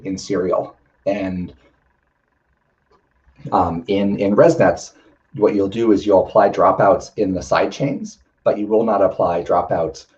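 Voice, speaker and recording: Male lecturer, very low voice, slightly hoarse, halting explanatory delivery, dull lo-fi recording. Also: darkish tone. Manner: frequent ums and restarts, explanatory. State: slightly losing his voice. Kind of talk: technical lecture.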